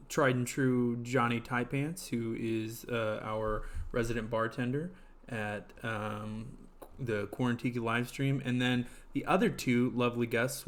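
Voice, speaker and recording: A man hosting a casual live stream, rambling and filling gaps with ums and uhs. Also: mid-range voice. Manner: rambling, heavy on fillers and restarts. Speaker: livestream host.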